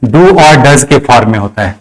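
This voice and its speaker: This English grammar teacher, a man with an Indian accent, has a medium-pitched, animated voice and speaks at normal speed. His classroom lesson explains things step by step, repeating key phrases and answering his own questions, though the recording is low quality.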